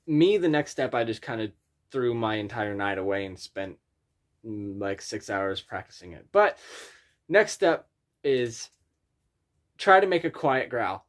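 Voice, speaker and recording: Male vocal coach, mid-pitched, informal and halting, talking through technique in a loose tutorial style. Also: very animated. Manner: informal, rambling, halting explanations. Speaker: scream vocal instructor. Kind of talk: casual spoken tutorial with vocal demonstrations.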